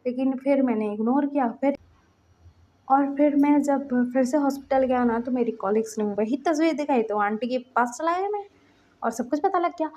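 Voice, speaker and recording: A woman with a high voice narrates a fan fiction story in a relaxed, conversational way. She keeps breaking into the characters' dialogue, quoting them as she goes. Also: moderate pace. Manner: retells story lines in quoted dialogue.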